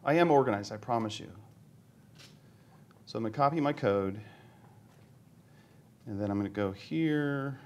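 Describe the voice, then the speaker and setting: A man's voice: medium pitch, normal speed, long pauses. Joking man giving a live tech demo. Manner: joking, self-deprecating, thinks aloud while demoing. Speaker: conference speaker. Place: conference hall with live audience.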